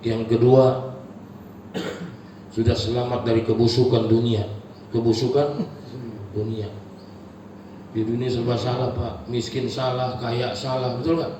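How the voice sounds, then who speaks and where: A man's voice: little pitch movement, a little slow, pauses often. Echoey, impassioned male preacher. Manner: swings from low murmurs to high shouted cries, addresses the congregation as Pak. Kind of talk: sermon. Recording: echoey hall, picked up from far off, noisy.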